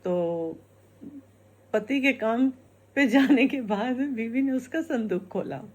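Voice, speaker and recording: A woman telling a folk tale in a casual, chatty way, slow and unhurried. Her voice sits somewhat high, and she tends to repeat her phrases as she goes. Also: lively intonation. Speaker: storyteller.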